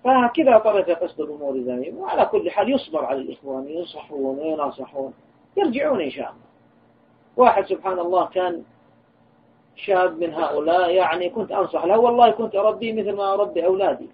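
Here the scholar's voice is high-pitched and expressive, moving at a quick pace as he delivers a sincere religious lesson built around a personal admonishing story. It sounds lo-fi and tinny, as if recorded on a phone, with a faint hiss.

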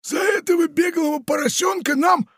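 A man voicing a boisterous, treacherous male pirate in a storybook, shouting his lines in a strained, raised voice. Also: normal speed, dry recording, studio quality. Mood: boastful. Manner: shouting, exclamatory, high-pitched. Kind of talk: audiobook character voice.

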